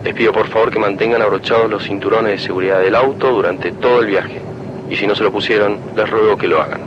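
A calm, formal airline captain speaks from his cockpit headset through the cabin intercom, his voice low. The sound is muffled and dull, with a steady engine rumble behind it. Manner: formal, measured announcement. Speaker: airline captain in a road-safety ad.

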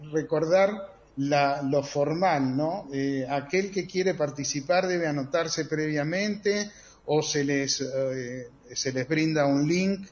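Slow-paced Argentine man interviewing, slightly dull sound. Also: on the high side. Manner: hesitant, many pauses and fillers. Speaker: radio interviewer. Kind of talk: conversational interview.

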